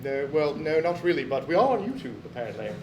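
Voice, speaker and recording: A man's voice: fairly high pitch, very animated, quick pace, lo-fi sound, background noise. A man co-hosting a live comedy show, asking the guest questions in a mock-earnest way and slipping in dry jabs. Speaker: co-host. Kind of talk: live comedy podcast banter. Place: small live venue on stage. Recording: echoey live room with crowd.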